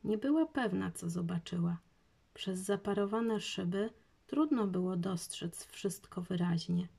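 A woman narrating a children's audiobook in a calm, measured way. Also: medium pitch, gravelly, breathy edge.

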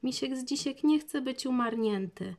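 A woman's voice: high-pitched, normal speed, darkish tone, voice pushed up. A woman voicing an anxious, chatty little girl in a children's storybook reading. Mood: frightened.

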